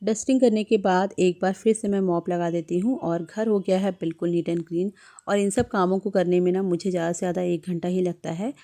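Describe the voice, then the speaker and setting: A woman narrating her home vlog as a voice-over in a gentle, chatty manner, giving homemaking advice to her viewers. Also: on the low side. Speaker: homemaking vlogger.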